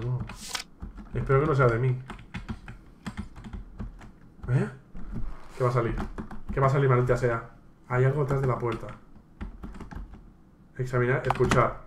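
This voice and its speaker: A man with a Spanish accent from Spain commentating a horror game, reading its text aloud and swearing at it. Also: mid-range voice. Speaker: let's play gamer. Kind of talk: gameplay commentary. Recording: echoey room with game music.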